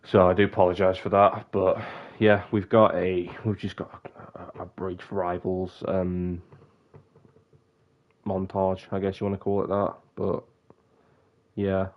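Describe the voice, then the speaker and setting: On a muffled recording, a young man with a low, congested, sniffly voice chats loosely during a live stream. His tone stays level and his pace measured, and his sentences frequently trail off as he rambles and cuts himself short.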